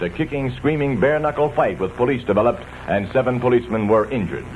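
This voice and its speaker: A man's voice: mid-range voice, highs cut off. Male American radio newsreader, 1960s bulletin style, band-limited vintage sound, slight background noise.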